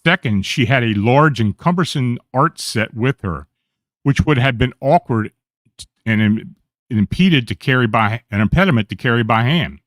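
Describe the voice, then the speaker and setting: Male radio host reading strange tales aloud, even storytelling delivery, dead-dry mic. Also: medium pitch, normal speed, no echo. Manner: steady reading with small slips and self-corrections. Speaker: radio show host reading paranormal accounts.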